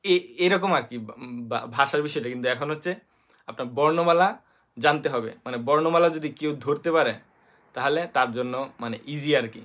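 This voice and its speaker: A man from Bangladesh with a Bangladeshi Bengali accent, hosting a casual live-stream lesson on basic Japanese. He talks hesitantly with many fillers, spells letters out slowly, and greets viewers by name. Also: mid-range voice, a bit bright. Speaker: host teaching basic Japanese.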